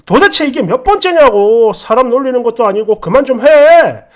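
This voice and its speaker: A woman's voice: fairly high pitch, animated, normal speed, lightly acted. A woman voicing a defensive, irritated husband who snaps back with a raised voice in an acted story dialogue. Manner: snapping, raised voice.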